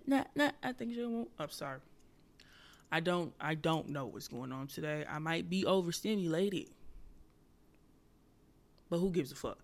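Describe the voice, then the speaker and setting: A woman comedian hosting her podcast alone, ranting in loud, profane, animated bursts that sometimes drop to a whisper. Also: medium pitch. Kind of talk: solo comedic rant.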